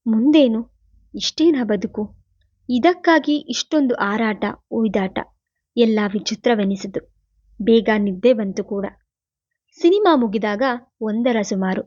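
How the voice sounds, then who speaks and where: A woman narrates a novel in a steady, even storytelling voice. Her pitch sits fairly high. The recording is dry and close, with a slightly dull, muffled top end. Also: slow, pauses often, no room sound. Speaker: audiobook narrator. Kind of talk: novel reading.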